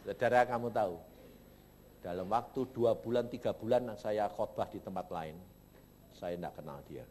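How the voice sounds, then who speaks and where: A male pastor preaching a sermon in a church, with a Javanese-influenced Indonesian accent and animated storytelling that swings from loud to low. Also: moderate pace, in a large hall, slight background noise.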